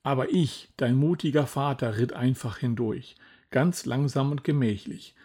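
A man voicing a boastful older male knight and proud father in a children's storybook, grumbling and full of self-praise, with a husky voice. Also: mid-range voice, a little slow, warm tone.

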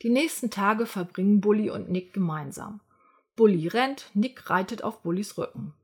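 A woman narrating a children's story aloud in a lively, expressive way. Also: mid-range voice, moderate pace, breathy edge.

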